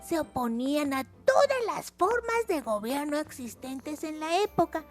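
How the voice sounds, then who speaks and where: Very high, sing-song woman teaching children. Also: expressive, unhurried, faint music behind. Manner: repeats words for emphasis, chatty explanations. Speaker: educational video channel host. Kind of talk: simple history lesson addressed to children.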